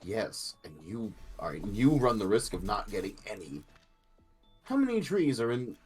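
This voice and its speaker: A man's voice: fairly low pitch, big pitch swings, moderate pace, breathy edge, soft background music. A man speaking playfully in jokey, improvised comedic role-play and banter.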